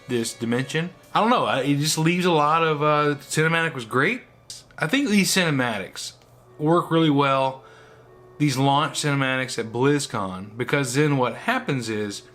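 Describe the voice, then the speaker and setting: Bright-voiced older man reacting casually. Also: mid-range voice. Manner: rambling, thinking aloud. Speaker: reaction video host. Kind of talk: casual off-the-cuff reaction commentary.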